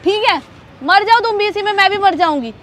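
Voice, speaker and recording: A woman's voice: very high-pitched, lively intonation, brisk, crowd noise. A young woman vlogger arguing outdoors on a boat, accusing and repeating her demands in a staged couple fight.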